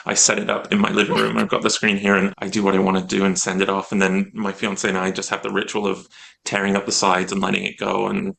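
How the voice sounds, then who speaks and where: Gravelly-voiced British man, chatty. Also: low voice, fast talker. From Britain. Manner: chatty, animated, acts out quoted reactions. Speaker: actor guest. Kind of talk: casual interview chat.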